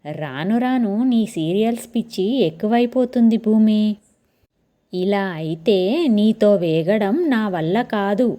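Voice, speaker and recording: A woman's voice: mid-range voice, dark tone, natural voice. A woman voicing a joking, exasperated young husband who drags out his teasing lines. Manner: teasing, drawn-out.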